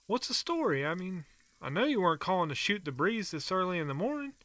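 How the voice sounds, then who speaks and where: A man's voice: sits high, sing-song, quick pace, a bit bright, no room sound. An actor playing a folksy, easygoing country man who calls in to a radio show, full of colorful sayings. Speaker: caller.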